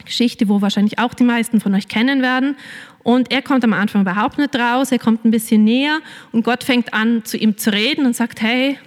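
A woman's voice: on the high side, fairly quick. A woman preaching a sermon in a casual storytelling way, with many fillers. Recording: long reverb of a large hall.

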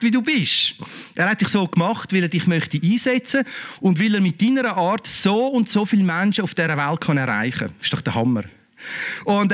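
Man, Swiss German accent, middle-aged, pastor giving a sermon, high voice, fervent, exclamatory, rhetorical questions. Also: fairly bright tone.

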